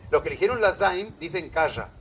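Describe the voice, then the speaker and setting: A man's voice: fairly high pitch, expressive, fairly quick, fairly bright tone, a little hiss or hum, rough recording. A middle-aged man from Andalusia with an Andalusian Spanish accent gives a live public talk as a lecturer, often quizzing his audience. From Andalusia, Spain.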